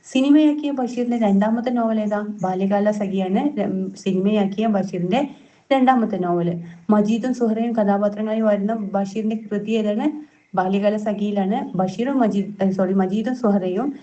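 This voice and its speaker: Woman tutor running quiz drills, repeats each answer; warm tone, muffled lo-fi sound. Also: mid-range voice, a little slow. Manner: repeats each answer, self-corrects with fillers. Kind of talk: reading out quiz questions and answers.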